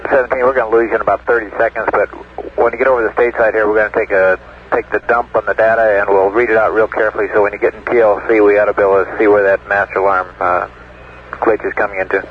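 A man on the ground side of a crackly space radio channel, talking fast in clipped radio procedure. His low voice stays flat and even, squeezed through a muffled line with clear static hiss. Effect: crackly space radio transmission. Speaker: ground capsule communicator. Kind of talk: air-to-ground radio exchange. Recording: muffled, noisy archival radio link.

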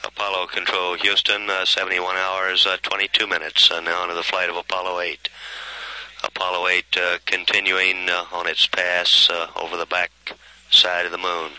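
A man giving live spaceflight commentary as a mission control announcer, halting with very frequent pauses and uhs. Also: low voice, monotone, sharp tone, clear, resonant tone, low-quality recording.

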